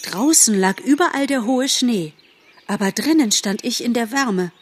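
A woman's voice: fairly high pitch, expressive, unhurried, a little hiss or hum, voice pushed up. Gobo, a woman as a boastful young buck. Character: young male deer, boastful and earnest.

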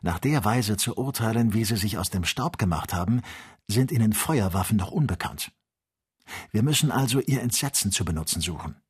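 Guy reading a calm bossy old doctor, low husky voice, slow and reasoning. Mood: calm, firm. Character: calm authoritative older male doctor, expedition leader.

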